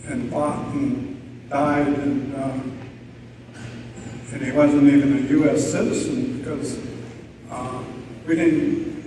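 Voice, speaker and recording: A man's voice: mid-range voice, warm tone. A man in his seventies giving an informal commemorative speech as an army veteran, hesitant and searching for words. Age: 70s. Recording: very echoey, distant, noisy hall recording.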